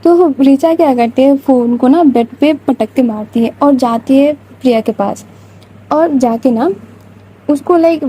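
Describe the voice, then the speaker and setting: A woman's voice: high voice, mellow, husky, poor audio. A woman telling a romance story in a casual, chatty way, with frequent filler words.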